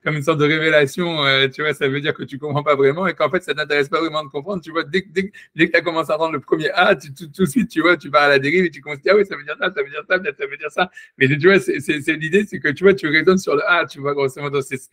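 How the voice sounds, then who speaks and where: A man's voice: a little high, fairly even intonation, quick pace, few pauses, pushed and bright, no echo. A man giving a rambling, casual Torah discussion, full of restarts and asides to his listener. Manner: rambling, many restarts and "tu vois". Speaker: Torah teacher.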